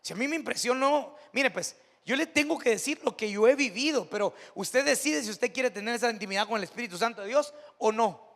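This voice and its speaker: A man's voice: extremely high pitch, lively intonation, a little fast, gravelly, fairly bright tone, long reverb tail. A man with a Mexican accent preaching a sermon as pastor, telling stories in a conversational way that builds to emphatic preaching. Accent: Mexican Spanish. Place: church sanctuary.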